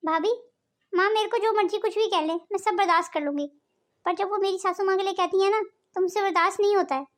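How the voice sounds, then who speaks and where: Woman doing a devoted young wife, cartoon, very high voice, pleading and emotional. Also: steady tone, fast talker. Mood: soothing. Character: loyal young woman devoted to her mother-in-law. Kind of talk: cartoon voice acting.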